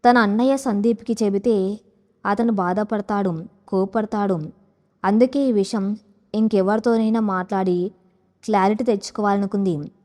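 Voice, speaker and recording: Female storyteller, steady emotive narration of a drama. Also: mid-range voice. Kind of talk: scripted audio story narration.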